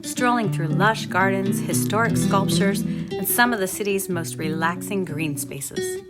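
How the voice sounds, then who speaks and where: A woman's voice: medium pitch, unhurried. A woman introducing a travel video in the manner of an upbeat travel show host. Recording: music behind the voice.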